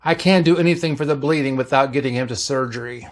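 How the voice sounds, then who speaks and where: A man's voice: medium pitch, fast, close to an everyday voice. A man voicing an irritable middle-aged male ship's doctor, brusque and exclamatory.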